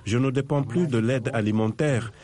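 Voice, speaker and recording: A man reading a translated voice-over of a testimony in a slow, plain way. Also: medium pitch, a crowd in the background.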